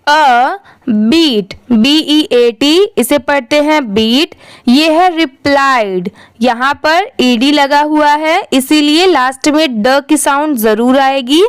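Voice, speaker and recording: A woman with a high voice teaches English reading at a slow pace, spelling each word letter by letter and then blending the parts. She asks the viewer rhetorical questions, and the recording has no echo.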